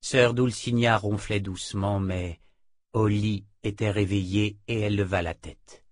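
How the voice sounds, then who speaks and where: Calm man narrating a fantasy audiobook. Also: fairly low pitch. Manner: calm, measured.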